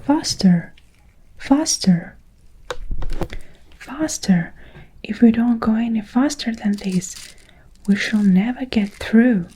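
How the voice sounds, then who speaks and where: A woman's voice: a little high, slow pace, pauses often, warm tone, a little hiss or hum, low-quality recording. Woman whispering as a gleeful Mister Wonka. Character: eccentric cheerful male candy maker.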